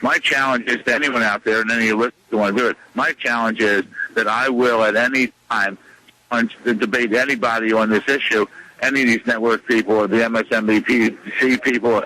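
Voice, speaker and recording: A man speaking as a radio guest, insistent and combative, repeating his points with many pauses and fillers. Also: mid-range voice, pushed and bright, a little hiss or hum, poor audio. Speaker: radio show guest, lawyer. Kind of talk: radio interview, phone-in.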